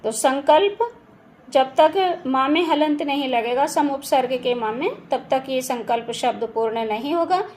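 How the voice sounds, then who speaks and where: Unhurried, with a high voice and darkish tone, a woman patiently works through exam-prep Hindi grammar, checking answers aloud and breaking words down sound by sound. Her home sits beside a railway track, so occasional trains and faint household ambience can be heard.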